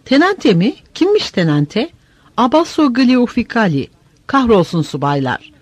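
Rowdy soldiers jeer and shout, as a man reading an audiobook puts them on. The voice sits higher than his narration. The sound is close and dry. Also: big pitch swings, unhurried, husky, no echo, exaggerated voice. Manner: shouting, jeering. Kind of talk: audiobook character voice.

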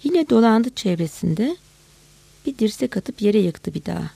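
A woman reading a story aloud at an unhurried pace, pausing now and then to correct herself. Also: mid-range voice, big pitch swings, gravelly, warm tone, husky, no room sound.

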